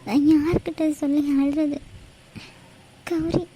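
A woman voicing a distressed young wife in a cartoon, who speaks haltingly through tears. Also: high voice, fairly even intonation, dark tone, rough recording. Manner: halting, tearful. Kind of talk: cartoon voice acting.

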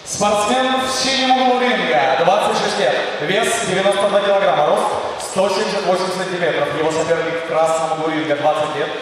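High-pitched boxing ring announcer in echoing arena. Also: male voice, fairly quick, hardly any pauses, fairly bright tone. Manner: ceremonial, projecting, stretches out names and places. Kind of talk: boxing ring announcer delivery, formal introductions with long drawn-out shouted names. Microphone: handheld microphone over arena speakers. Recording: very echoey arena PA, distant, noisy.

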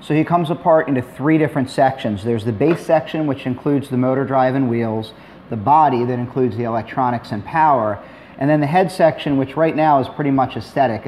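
Relaxed middle-aged man explaining a build. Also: mid-range voice, a little hiss or hum. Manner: relaxed, plainspoken, dry asides. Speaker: maker demonstrating a robot build. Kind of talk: tutorial narration.

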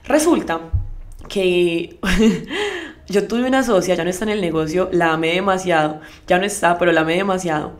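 A young adult woman leading a network marketing team, giving a motivational live talk and speaking straight to her audience with lively asides. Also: lowish voice, normal speed. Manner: emphatic, addresses the audience directly.

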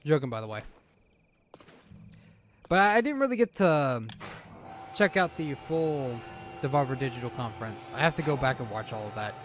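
A man's voice: medium pitch, animated, normal speed, pauses often, a little hiss or hum. A man doing casual, jokey playthrough commentary, reacting to a video game as he plays. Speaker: gaming video host.

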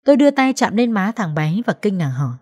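A woman's voice: mid-range voice, big pitch swings, quick pace, darkish tone. A woman narrating a sad first-person story in an emotional, tearful way.

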